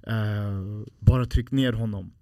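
A man's voice: lowish voice, steady tone, mellow, no echo, clean studio sound. A man, a podcast guest telling a personal story in a heartfelt, rambling way with many fillers.

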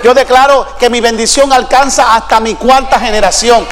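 A male pastor preaching a sermon, swinging between shouted declarations and sung lines. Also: very high voice, fairly even intonation, moderate pace, in a large hall, a faint crowd, a little hiss or hum. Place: church sanctuary.

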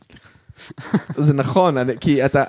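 Soft-spoken halting podcast host, man. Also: medium pitch. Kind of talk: casual podcast chat. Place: apartment at home. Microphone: podcast microphone.

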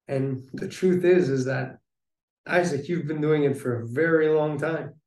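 A man's voice: fairly high pitch, a little slow, a little mellow, far from the mic. Earnest man telling his story, roomy echo. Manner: earnest, reflective, many ums and restarts. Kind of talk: storytelling in a conversation.

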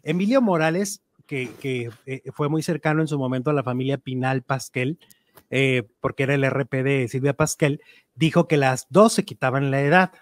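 A man's voice: medium pitch, normal speed, no echo, clean studio sound. A man chatting casually about celebrity gossip, talkative and opinionated, with many fillers. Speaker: entertainment news commentator.

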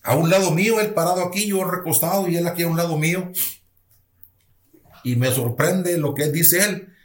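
A man who is a pastor and speaks gives a personal testimony to a listener. He tells it in an earnest, halting way with many restarts. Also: fairly high pitch. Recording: roomy echo.

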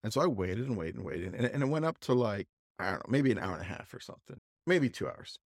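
A man co-hosting a podcast, telling a casual, halting anecdote full of restarts and asides. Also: on the low side, sing-song, dry recording, clean studio sound. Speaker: podcast co-host. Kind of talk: casual storytelling chat.

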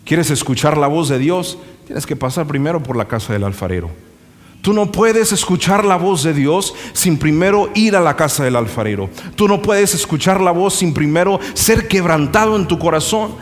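A man's voice: a little high, expressive, normal speed. A male pastor preaching a sermon, moving between impassioned emphatic lines and folksy storytelling asides. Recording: reverberant hall with faint music.

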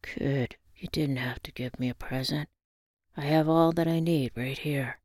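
A woman voicing a gruff, tender old fisherman grandfather in a hushed, breathy voice for an audio story. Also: low-pitched, fairly even intonation, measured pace, no echo, studio quality. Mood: moved, gentle.

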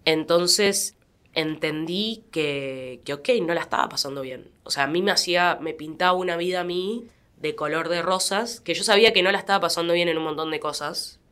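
A young adult woman with an Argentine accent, speaking as an interview guest in a quiet, reflective way with fillers and restarts. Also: lowish voice, normal speed. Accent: Argentine Spanish. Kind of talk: personal testimony in a podcast interview.

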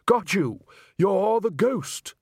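A man voicing a fussy older man who has just become a ghost, in a high, startled and indignant voice. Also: big pitch swings, slow, a little mellow, slightly rough, no echo, clean studio sound, full character voice.

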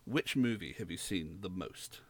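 A man's voice: sits low, expressive, normal speed, slightly rough. A young man from rural England, co-hosting a podcast in casual, rambling chat. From Southwest England. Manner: rambling, hesitant, explains at length. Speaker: podcast co-host.

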